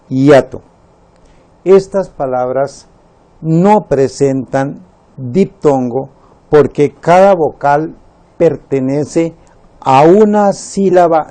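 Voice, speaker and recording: A man teaching a Spanish lesson, slowly spelling out words syllable by syllable and counting them. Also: a little high, dark tone. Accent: Latin American Spanish.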